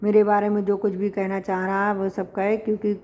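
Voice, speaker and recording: A woman at a middle pitch with a soft, mellow tone works through a classical poem as a teacher. She reads each verse aloud, then restates it in plain words. Her delivery is unhurried and explanatory. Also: monotone. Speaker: Hindi literature teacher.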